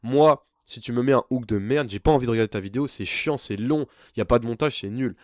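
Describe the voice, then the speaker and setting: A man's voice: medium pitch, quick pace, darkish tone, dry recording, clean studio sound. A young man working as an online business coach gives an informal screen-share tutorial. He talks bluntly and pushily, straight at the viewer. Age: young adult.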